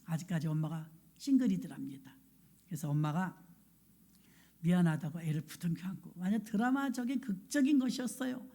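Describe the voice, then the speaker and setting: A woman's voice: lowish voice, fairly quick, dark tone. A middle-aged woman pastor preaching a sermon, telling a story and acting out the people in it.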